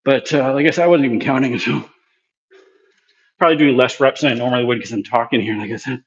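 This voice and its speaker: A man's voice: mid-range voice, quick pace, muffled recording, a little hiss or hum. A man casually talking through his gym workout between sets, winded from exercising. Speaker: physiotherapy clinic presenter demonstrating a workout. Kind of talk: casual workout demonstration vlog.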